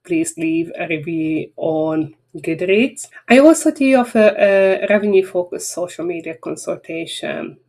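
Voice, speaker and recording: A native Hungarian speaker with a Hungarian accent, this woman has a fairly low, darkish voice with vocal fry. She wraps up a marketing webinar casually, chatting and rambling in a frank way.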